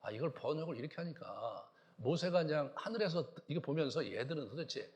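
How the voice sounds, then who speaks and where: A male pastor delivering a Sunday sermon. His voice sits high for a man and swings widely in pitch, rising to emphatic peaks and then dropping to a soft murmur. He acts out the lines of the people in the story as he preaches. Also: a little fast. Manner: animated preaching, acts out quoted lines in a hushed voice.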